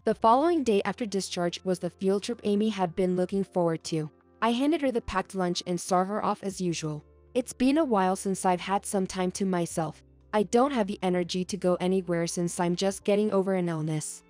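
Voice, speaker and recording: A young adult woman reading a first-person story aloud as narrator, in a soft, earnest storytelling manner. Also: mid-range voice, fairly quick, dry recording, soft background music.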